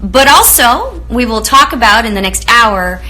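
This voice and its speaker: A Romanian woman with a fairly high, sing-song voice talks a little slowly as she hosts a live online show. She warmly greets viewers and chats with them effusively, leaning on many fillers.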